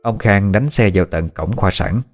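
A man narrating a ghost story audiobook in a steady telling. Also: on the low side, moderate pace, faint music behind.

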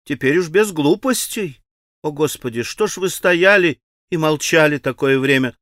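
A man playing an imperious young girl who barks orders, pitched high and loud. Her talk is urgent and bossy, recorded dry and close for a storybook. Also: lively intonation, normal speed, dry recording.

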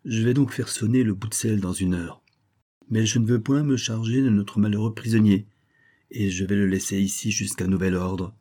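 A man's voice: on the low side, steady tone, moderate pace, warm tone, natural voice. A man reading the lines of a loyal young hussar who speaks plainly and respectfully to his commander. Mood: sorrowful.

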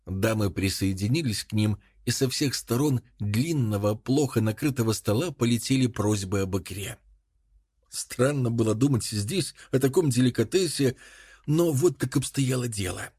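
Guy reading an audiobook, calm even narration, mid pitch. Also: normal speed, breathy edge, dry recording, studio quality.

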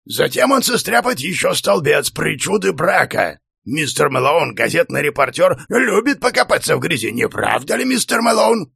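Грубоватый, насмешливый профессор средних лет, который рычит и язвит, раскатывая фразы с издёвкой, как его подаёт чтец. Голос скрипучий и хрипловатый, звучит сухо и близко. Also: male voice, a little high, sing-song, moderate pace, gravelly, few pauses, bright, forceful tone, breathy edge, no echo, studio quality, pitched above the performer's own voice, heavily acted. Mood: mocking. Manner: growling, sarcastic. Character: bullying, mocking professor, middle-aged man.

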